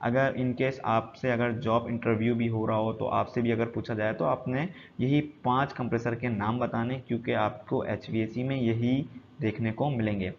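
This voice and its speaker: A man teaching a technical lesson from slides, explaining slowly and repeating key points, switching between Hindi and English terms. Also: mid-range voice, steady tone. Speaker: HVAC instructor. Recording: dull lo-fi sound with faint noise.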